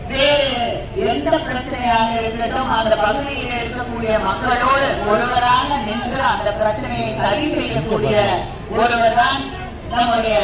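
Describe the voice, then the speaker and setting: Campaign orator, Tamil Nadu accent, high-pitched, emphatic rally delivery, distant echoing sound over loud crowd noise. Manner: oratorical, addressing a crowd in emphatic, drawn-out phrases. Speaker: political campaign speaker. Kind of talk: political campaign rally speech.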